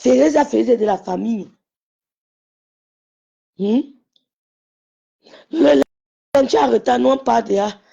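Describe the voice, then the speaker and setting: A woman ranting mockingly in a casual social media live, with slangy, animated outbursts. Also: a little high, slow, gravelly, long pauses, breathy edge. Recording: muffled lo-fi sound.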